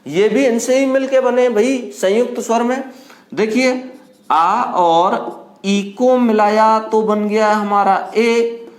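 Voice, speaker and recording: A man teaching Hindi grammar in a classroom, asking his students questions and answering them himself, and stretching vowels out slowly to show how long they last. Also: sits high. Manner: draws vowels out slowly to show their length. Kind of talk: classroom lecture. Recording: echoey classroom.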